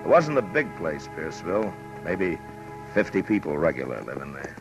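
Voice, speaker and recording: A man with a low, sing-song voice plays a stern, weary frontier lawman in a 1950s radio western, tersely narrating his own story. His delivery is grave and deliberate, yet his mood is easy and matter-of-fact. The audio is poor, a vintage 1950s radio recording with music.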